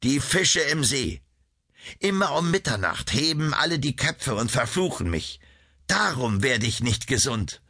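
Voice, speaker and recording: A man's voice: mid-range voice, very animated, measured pace, sharp tone, pitched above the performer's own voice, exaggerated voice. A man voicing a cunning sultan who fakes a dying slave's hollow, sing-song voice in an audiobook. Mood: scheming.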